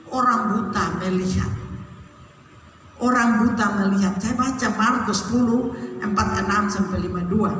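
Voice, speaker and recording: Woman, Kupang accent, sermon, storytelling preacher, very high voice, echoey church hall from far off. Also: a little hiss or hum. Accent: Kupang Malay. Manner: lively storytelling, retelling scripture with asides to the congregation.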